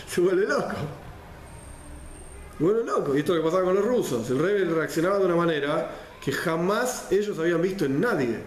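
A man with a Rioplatense Spanish accent giving a Torah class, explaining step by step, repeating phrases and mixing in Hebrew and Yiddish terms. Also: a little high. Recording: roomy echo, faint background noise.

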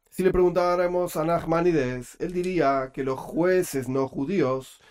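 With a fairly high-pitched, darkish voice and a Rioplatense Spanish accent, a man leads a Torah class online. His delivery is quick and peppered with jokes, picked up by a computer microphone.

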